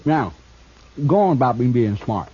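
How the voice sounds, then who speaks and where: On a dull, noisy old radio recording, a man with a medium-pitched, natural voice and lively intonation acts a cocky, sly outlaw sitting in jail in a western drama. He talks in a folksy, mocking, drawn-out way.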